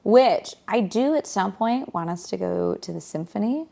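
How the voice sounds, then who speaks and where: A woman co-hosting a casual chat, chatty and quick to prompt and correct her partner. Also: mid-range voice, lively intonation, vocal fry, mellow. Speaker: co-host.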